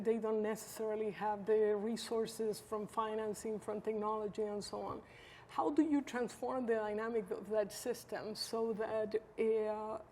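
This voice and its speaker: Measured Chilean-born woman, slightly high voice. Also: darkish tone. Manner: thoughtful, measured, with frequent fillers and restarts. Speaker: interview guest, social entrepreneur. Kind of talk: conversational interview answers. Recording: faint background noise.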